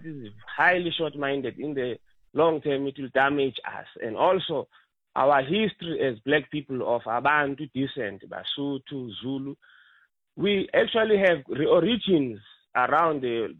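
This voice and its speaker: A man's voice: mid-range voice, no echo. A man calling a radio talk show, speaking earnestly with frequent fillers and restarts. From South Africa. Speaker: caller. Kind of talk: radio call-in opinion. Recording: tinny phone line.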